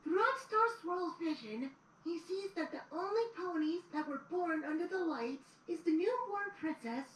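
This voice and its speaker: Her voice is extremely high and fairly bright, with lively intonation at a moderate pace, as she plays a young boy dragon assistant. In this audio drama he reads history aloud in earnest storybook narration, heard through roomy, distant, noisy replayed audio.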